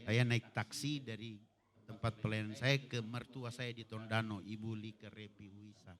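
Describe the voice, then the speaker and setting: A middle-aged man with a Manado accent preaching a sermon as pastor, animated, with humorous asides and bursts of shouting. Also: lowish voice, moderate pace.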